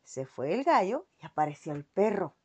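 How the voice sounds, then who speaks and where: Woman reading a lively bedtime story. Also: lowish voice, normal speed, breathy edge. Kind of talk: reading bedtime stories aloud.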